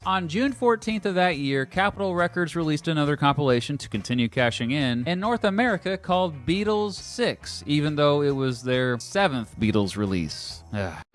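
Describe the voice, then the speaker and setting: Male documentary narrator, slightly high voice, scripted and emphatic, music underneath. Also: lively intonation, normal speed, few pauses.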